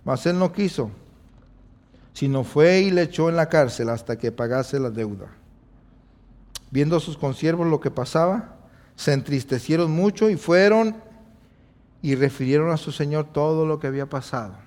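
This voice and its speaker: A man's voice: a little high, expressive, normal speed, long pauses, darkish tone, big-room sound. A man preaching a sermon, asking his listeners questions and then answering them himself. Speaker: pastor.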